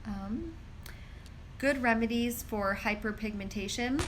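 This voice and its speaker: On a handheld phone, a woman pharmacist runs a relaxed live stream, reading viewers' questions aloud and filling her chatty answers with "like." She speaks slowly at a fairly high pitch with a somewhat bright sound. The audio is poor, with a bit of background noise.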